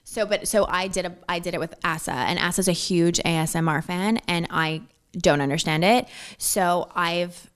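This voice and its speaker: A woman's voice: fairly low pitch, moderate pace, clear, resonant tone. A woman as a podcast guest, talking casually and filling with "like" and "you know". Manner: chatty, fills with "like" and "you know". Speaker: interview guest, social media manager.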